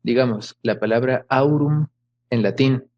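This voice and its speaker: A man's voice: medium pitch, a little slow, lo-fi sound. A man giving an academic lecture over a video call, explaining patiently with many fillers and rhetorical questions. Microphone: video call microphone.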